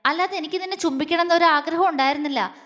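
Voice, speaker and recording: A woman's voice: extremely high pitch, fast talker, a bit bright, pitched above the performer's own voice. Casual story voice: a woman playing an arrogant, mocking young man, echoey. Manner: taunting, sneering. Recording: long reverb.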